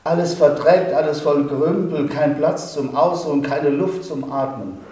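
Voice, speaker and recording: A man voicing a frantic, flustered storybook man who exclaims in a raised, hurried voice. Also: fairly high pitch, mellow, distant mic, natural voice. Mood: dismayed. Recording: echoey church, dull sound.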